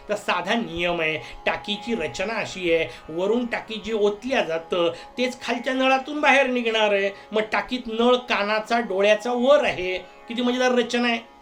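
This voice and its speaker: A man's voice: sits high, fairly bright tone. A man giving a spiritual discourse, explaining with homely everyday examples and chanting verses. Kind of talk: religious discourse.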